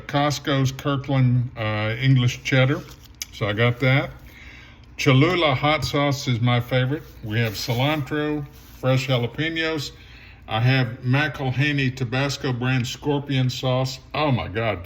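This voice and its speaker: A man talks through his kitchen ingredients at an unhurried, easygoing pace. He rambles into opinionated asides, with a middle-of-the-road pitch. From southern Louisiana. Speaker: home cooking show host. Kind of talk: casual cooking vlog commentary.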